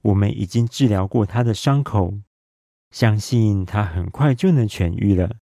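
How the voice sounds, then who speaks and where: A quiet, grateful young warrior, as a man reads him, soft and gentle, low mellow voice, bedtime storybook. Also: a little slow, dry recording, clean studio sound.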